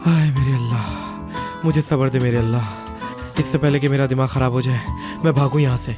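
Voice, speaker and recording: A man's voice: mid-range voice, little pitch movement, quick pace, close to an everyday voice. An actor dubbing an exasperated, grumbling young man in a TV drama. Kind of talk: dubbed drama. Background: music.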